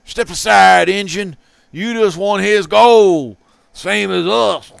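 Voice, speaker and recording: Snarling frontier gold-seeker, put on by a man reading a comic, higher and louder than his own voice. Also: slow, creaky, smooth, dry recording, studio quality, full character voice. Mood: hostile.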